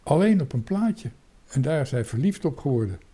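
A man's voice: mid-range voice, sing-song, moderate pace, dark tone, slightly rough, voice pushed up. A man voicing a frightened stammering boy. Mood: anxious. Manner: stammering, urgent and breathless. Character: timid frightened young boy, anxious and hurried. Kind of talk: children's storybook reading.

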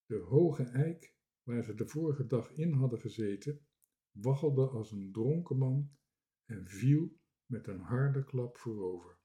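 A man reading a children's book aloud with expressive storytelling. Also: mid-range voice, slow. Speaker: reader.

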